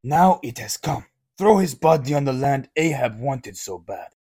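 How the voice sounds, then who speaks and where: A man's voice: mid-range voice, expressive, moderate pace, dark tone. An actor playing a stern army captain newly made king, with blunt, commanding orders. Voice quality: gravelly, husky.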